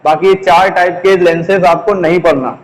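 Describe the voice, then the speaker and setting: A male teacher giving a classroom lesson, speaking slowly, repeating key terms and asking the class questions. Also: high voice, steady tone. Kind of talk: classroom lesson, explaining while writing on a board. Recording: long echoing reverb.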